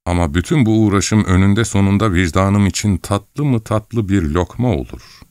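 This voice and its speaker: A man reading a first-person audiobook story in an expressive, wry storytelling manner. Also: low-pitched, moderate pace, no room sound, clean studio sound. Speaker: audiobook narrator.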